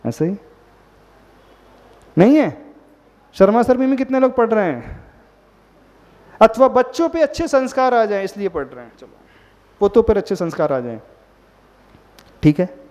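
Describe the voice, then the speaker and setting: With a high, darkish voice and a sing-song delivery at normal speed, a Jain monk gives a sermon broken by long pauses. He frequently asks his audience questions and weaves in English words. The clip sounds dull and lo-fi, with long hall reverb.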